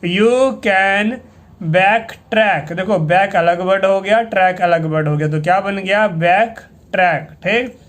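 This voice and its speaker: A man from India teaching English reading, spelling out words letter by letter and reading them slowly aloud. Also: sits high, fairly bright tone. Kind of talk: slow spelled-out reading lesson. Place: coaching centre classroom.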